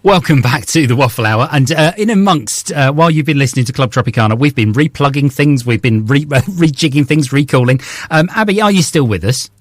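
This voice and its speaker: A man's voice: mid-range voice, expressive, fairly quick, hardly any pauses, no room sound, clean studio sound. A man hosting a radio interview in a chatty, casual way, often restarting his sentences. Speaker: radio show host. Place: radio studio.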